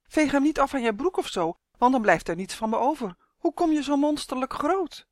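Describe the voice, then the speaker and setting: A tiny male dragonfly elf, as a storybook reader puts him on, buzzes and frets in a thin, squeaky voice. He chatters quickly and fussily. The sound is dry and close. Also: animated, dry recording. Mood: fussy. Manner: high, buzzing, anxious and fussy. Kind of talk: storybook reading.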